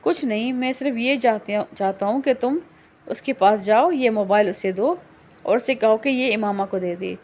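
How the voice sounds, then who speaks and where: A woman's voice: a little high, a little mellow, close to an everyday voice. A woman voicing a curt, domineering rich young man in an audiobook reading of a novel, speaking in a cold, dismissive, threatening way.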